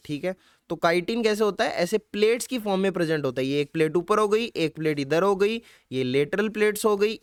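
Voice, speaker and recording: A young male biology tutor with a Hindi accent, his voice pitched high and ringing clean and resonant. He drills his students by asking the same question again and again, and now and then slips a playful sung line into the lesson. The sound is dry and close, with no room echo. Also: clean tone. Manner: quizzes students with repeated questions; drops in playful sung lines. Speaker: biology teacher. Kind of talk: online exam-prep lecture.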